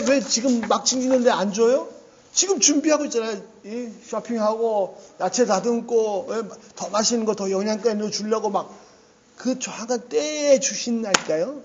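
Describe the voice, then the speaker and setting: A male pastor preaches in a lively, conversational way, often dropping in a quick "yes." His voice sits high for a man. The lo-fi recording has a muffled, dull tone. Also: a little hiss or hum. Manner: animated and conversational, often saying "yes" and laughing. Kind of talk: sermon.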